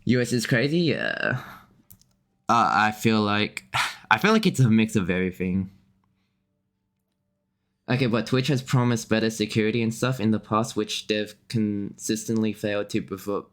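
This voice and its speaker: A young man chatting on a game stream in a lowish voice. He rambles, leans on filler words, restarts his sentences and keeps breaking into small laughs. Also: moderate pace, a bit bright. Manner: rambling, filler-heavy with frequent restarts and chuckles. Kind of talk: casual chat while gaming.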